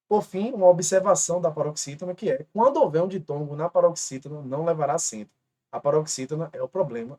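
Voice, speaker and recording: A man's voice: a little high, mellow. Man patiently teaching Portuguese accent rules. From Brazil. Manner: explains step by step, repeating example words slowly; writes on a board while talking. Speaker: exam prep teacher. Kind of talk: recorded grammar lesson.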